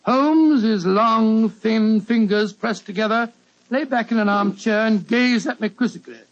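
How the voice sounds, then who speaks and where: An actor playing a genial British gentleman doctor reminiscing on an old radio show, in a chatty, hesitant way. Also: sits high, unhurried. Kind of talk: old-time radio storytelling. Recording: muffled vintage radio broadcast.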